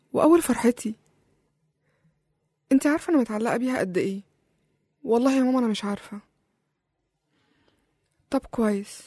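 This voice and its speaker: A frightened young mother from an Egyptian audio drama, voiced by a woman talks quickly and anxiously. Her voice sits fairly high and sounds dry and close. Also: dark tone, breathy edge, dry recording. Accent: Egyptian Arabic. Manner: anxious, distressed.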